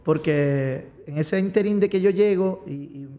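This clip has a high-pitched young man with a Venezuelan accent talking at a measured pace. In a casual interview, the singer-songwriter spins animated stories, and the lo-fi audio sounds dull.

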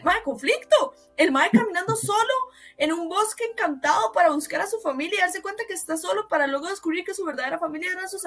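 A woman's voice: very high voice, fairly bright tone. A woman with a Costa Rican accent chatting casually as a podcast co-host, emphatic and slangy. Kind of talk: casual chat.

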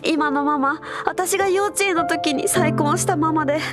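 A woman playing an earnest high school girl with casual, youthful, expressive speech in a comedy audio drama. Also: normal speed, over loud music, lightly acted. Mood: upset, confessing.

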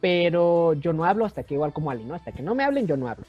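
Animated man, casual chat. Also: fast, no echo. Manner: animated, mimics others in high voices. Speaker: podcast co-host. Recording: slightly dull lo-fi sound, faint music.

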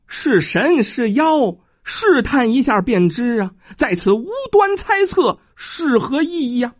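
A storyteller voicing a bold young village woman who speaks up in high, commanding cries. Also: sing-song, slow pace, no room sound, heavily acted. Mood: firm. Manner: commanding shouts. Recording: dull dry lo-fi recording.

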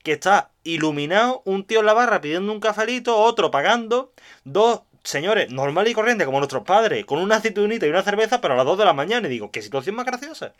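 A man from tells a rambling funny anecdote in a relaxed chat. He acts out every line of dialogue in his story and often breaks into laughter. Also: high voice, quick pace. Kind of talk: casual comic storytelling.

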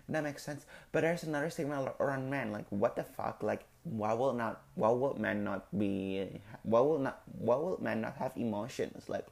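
Gravelly-voiced man ranting on a podcast. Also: on the low side, darkish tone. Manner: emphatic, profane, rambling with many fillers. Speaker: podcast host. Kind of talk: casual solo podcast monologue.

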